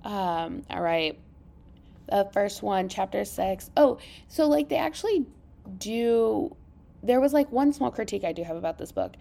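A woman hosting a podcast, chatting casually and emphatically about books, with creaky vocal fry and congested sinuses. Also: mid-range voice, animated, a little slow, mellow. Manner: informal, emphatic, enthusiastic. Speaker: podcast host. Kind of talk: casual book review chat.

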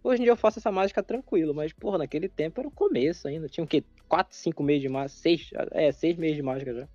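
A young man on a casual podcast, excitedly telling stories full of slang. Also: fairly high pitch, fast talker, no echo. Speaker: podcast co-host. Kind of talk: casual chat. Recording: dry, dull lo-fi with faint music.

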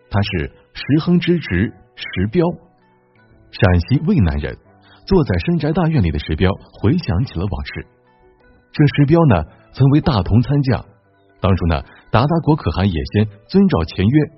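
Husky male storyteller with lively intonation. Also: mid-range voice, dull audio. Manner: chatty, wry asides. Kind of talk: serialized historical storytelling.

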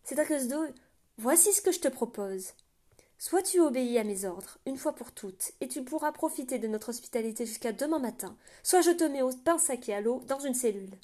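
A woman's voice: high voice, animated, a little fast, voice pushed up. A woman playing a stern fortress captain. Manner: loud, authoritative, clipped orders.

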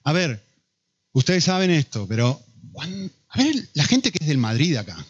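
A man with an Argentine accent delivers a sermon in a lively, swooping voice that sits a little high. His tone is slightly husky, and he keeps throwing rhetorical questions at the congregation. The recording sounds dull and lo-fi. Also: normal speed. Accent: Argentine Spanish. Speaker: pastor.

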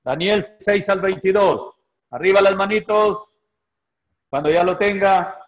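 A man preaching a sermon to his congregation and reading scripture aloud, exhorting them with drawn-out "ah" pauses. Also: high voice, dull audio. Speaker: pastor.

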